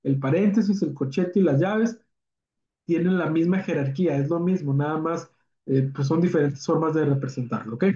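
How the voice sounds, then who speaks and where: A man's voice: a little high, moderate pace, mellow, a little hiss or hum. A man, teaching a punctuation lesson in an informal, chatty way, using many fillers and tag questions. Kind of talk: recorded spelling and punctuation lesson. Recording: dull, echoey classroom audio.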